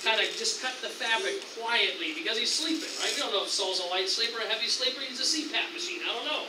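A man with an American accent preaching a sermon as pastor, animated, acting out tempting voices with excited raised lines. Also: very high-pitched, fast talker, roomy sound, far from the mic, noisy background. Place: church sanctuary.

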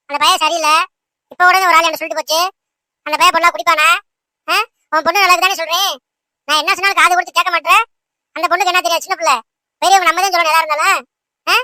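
A meddling old grandmother scolds and nags without pause in this cartoon. Her voice is high and quick, and the recording is close and dry with no room sound. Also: bright, forceful tone, no echo. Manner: scolding, rapid nagging.

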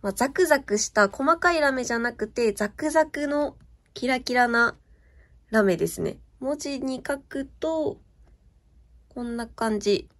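A woman's voice: fairly high pitch, expressive, unhurried, fairly bright tone. A young woman chatting casually as she shows off her stationery purchases, gushing and often asking viewers if the sparkle comes across. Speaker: stationery vlogger. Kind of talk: casual show-and-tell chat.

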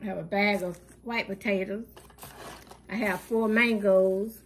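Off camera at home, a woman hosting her channel gives a casual rundown of her groceries, each item in turn. Her mid-range voice holds a steady tone, the pace is unhurried with many fillers, and a faint hiss or hum runs underneath.

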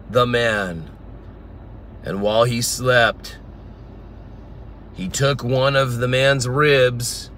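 A man gives an informal Bible teaching outdoors in a garden, reading verses aloud and explaining them one by one. His voice is bright and he speaks slowly. Faint traffic noise can be heard in the background. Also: medium pitch.

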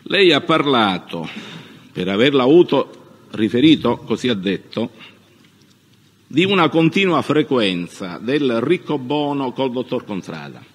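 A man conducts a courtroom cross-examination as a lawyer. He is formal and probing, halting as he shapes his questions. His voice sits at a medium pitch, with long reverb from a large hall. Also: very animated, breathy edge.

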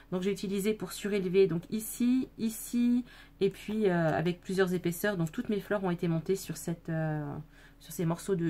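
A woman's voice: on the low side, a little mellow. A woman casually showing off a handmade scrapbook album, talking with many fillers and self-corrections and speaking straight to her viewers. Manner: chatty, addresses viewers directly. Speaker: scrapbooking video maker. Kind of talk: casual craft show-and-tell.

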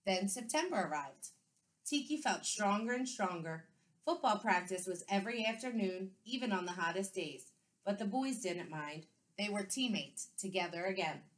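A woman teacher reading a picture book aloud to her young class, clear and expressive. Her voice sits at an ordinary middle pitch, and she narrates the story at a steady, friendly storytelling pace. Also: normal speed. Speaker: second-grade teacher. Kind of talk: children's book read-aloud.

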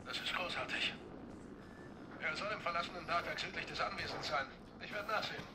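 A man's voice: on the high side, fairly quick, background noise. An actor playing a male commander giving curt orders over a radio. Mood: commanding.

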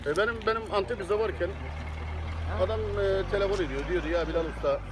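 Being interviewed outside, a man from Turkey who cooks abroad rambles cheerfully about feeding visitors, laughing readily. He has a high voice and talks fast, with background noise behind him.

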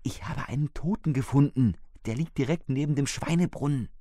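Male reader doing scared older woman, high and breathless, dry close sound. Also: brisk, warm tone, no room sound, lightly acted. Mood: agitated. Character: frightened older woman finding a body.

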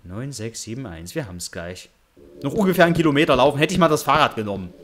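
A man's voice: medium pitch, big pitch swings, quick pace, a bit bright. A man casually commentating a horror game, joking and sarcastic, talking to the game character. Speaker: let's play host.

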